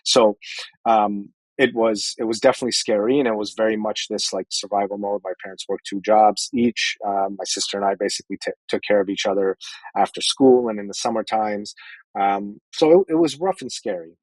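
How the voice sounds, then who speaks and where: A man in his forties from Iran, a podcast guest, telling his family story earnestly with some halting restarts. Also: on the low side, steady tone, darkish tone, dry recording, poor audio. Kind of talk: personal storytelling in an interview.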